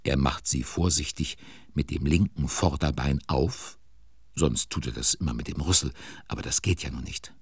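A man narrating a children's audio drama as a dramatic, deliberate storyteller with a gravelly voice. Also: rumbling low, no room sound, studio quality, full character voice. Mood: suspenseful. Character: storyteller of a children's tale, attentive and suspenseful.

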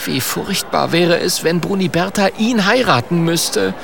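Man doing a high eager young knight. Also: sing-song, slow pace, noisy background, heavily acted. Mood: earnest urgent. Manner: high agitated voice.

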